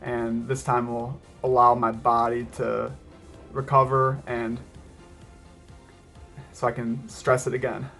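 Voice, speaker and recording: A man chats in a reflective vlog style, with little melodic movement and a creaky edge to his voice. He hesitates and pauses mid-thought as he speaks, over soft background music. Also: medium pitch, little pitch movement. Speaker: running vlogger. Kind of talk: casual vlog talk to camera.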